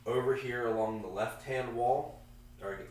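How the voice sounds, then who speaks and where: A man with a gravelly, congested voice, casually and haltingly narrating a tabletop game as game master. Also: medium pitch, steady tone, darkish tone. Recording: echoey room, far from mic, faint noise.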